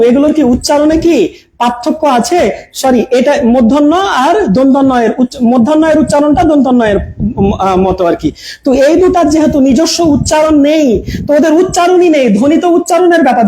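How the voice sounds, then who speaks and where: Recorded on a camera mic in low quality, this man's voice is very high-pitched with a dark tone. Standing before a projector, he runs an online grammar class, going over key points repeatedly, asking viewers frequent questions, and slipping English words in.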